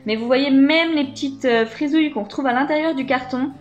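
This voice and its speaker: A woman talks casually through a beauty box unboxing, full of little hesitations. Her voice sits a touch high, and soft music plays faintly underneath. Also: brisk, lo-fi sound. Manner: chatty, hesitant, many fillers. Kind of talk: casual unboxing chat to camera.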